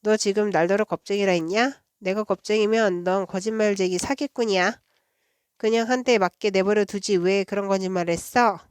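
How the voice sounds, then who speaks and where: A woman's voice: on the low side, normal speed, no echo, clean studio sound, close to an everyday voice. A woman voicing a timid bullied schoolboy in a storybook read-aloud, who snaps back when pushed. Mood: angry.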